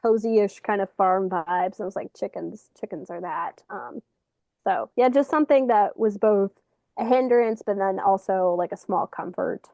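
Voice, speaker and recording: A woman author talks casually as a guest, her voice mellow and warm at a middle pitch. She chats loosely and fills pauses with "um" and "like". The sound is dry and close, over a video call. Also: vocal fry, no echo. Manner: relaxed, chatty, many fillers like "um" and "like". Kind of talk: casual interview chat.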